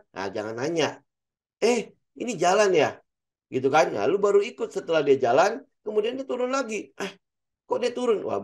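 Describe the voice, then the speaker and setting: A middle-aged man talks through trading in a blunt, lecturing way, with a Jakarta slang accent. His voice sits a little high and has a rough, gravelly edge. He stays animated and direct as he explains. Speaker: trading educator. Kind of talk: casual market commentary.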